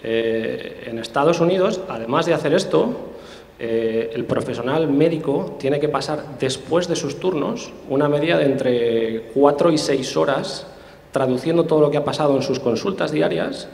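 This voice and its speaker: Speaking at a moderate pace, a man with a slightly high, darkish voice and some vocal fry talks thoughtfully and often stops to restart. He's a tech specialist giving a conversational explanation as an interview guest, recorded in a hall with long reverb.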